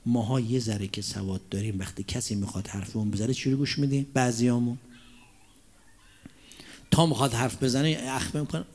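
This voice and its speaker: A man preaching a religious sermon, asking the audience rhetorical questions and reciting Arabic quotations slowly and deliberately. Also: mid-range voice, steady tone. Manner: drops to a hushed near-whisper for emphasis.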